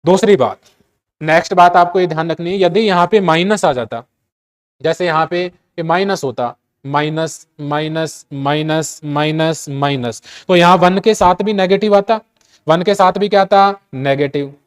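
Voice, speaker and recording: Clear-voiced Hindi-speaking male chemistry teacher. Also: high-pitched, normal speed. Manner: repeats key points, quizzes students with rhetorical questions. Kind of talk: classroom lecture.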